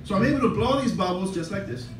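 A man's voice: sits high, lively intonation, fast talker, noisy background. An older man with a Mexican-American accent doing a stand-up set, self-deprecating and rambling, with frequent asides to the crowd. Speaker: stand-up comedian. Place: comedy club stage. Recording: roomy club sound from a distant camera. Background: audience laughter.

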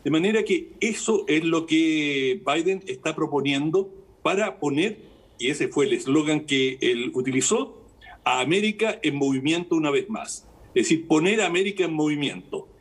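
An older man giving measured live news analysis over a video link from home, with frequent pauses and fillers. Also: fairly high pitch, slightly rough. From Chile. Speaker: international analyst. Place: home room with lamp, remote link.

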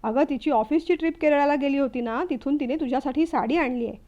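A woman's voice: sits high, fast talker, mellow, muffled recording, lightly acted. A woman voicing a spoiled, hot-tempered younger son who makes demands and sneers. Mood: cheerful.

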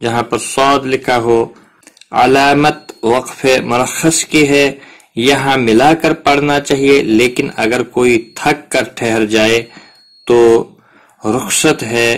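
Guy teaching a quran reading lesson, patient, goes step by step, ordinary mid voice. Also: mid-range voice. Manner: patient, explains step by step with examples. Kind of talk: explanatory lesson.

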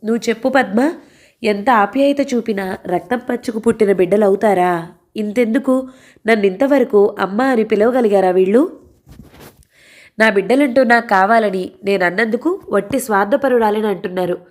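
A woman voicing a gentle, tearful middle-aged stepmother pleading in an audio story. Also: mid-range voice, normal speed, pitched above the performer's own voice, lightly acted.

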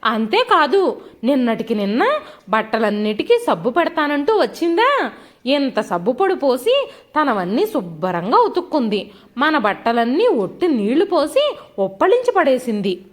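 Storybook nagging wife, high and animated, read by a woman. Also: moderate pace. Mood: scolding. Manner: nagging, sarcastic, loud. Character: quarrelsome middle-aged wife, sharp-tongued.

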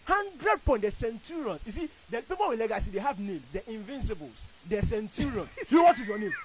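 On a radio studio show, a Ghanaian-accented man debates football as a panelist, animated, emphatic and theatrical. He speaks a little fast in a voice that sits high with big pitch swings. The audio is poor, with slight background noise, and comes from a studio boom mic with headphones.

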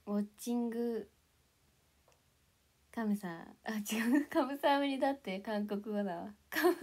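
A young woman chatting casually to viewers on a livestream, playful and giggly, sometimes dropping into soft whispers. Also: on the high side. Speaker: idol livestreamer.

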